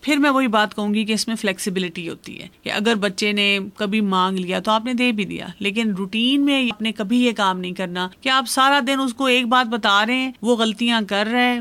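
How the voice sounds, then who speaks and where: A woman speaking as an expert guest on a radio program, calmly explaining parenting advice with everyday examples. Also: mid-range voice, no echo.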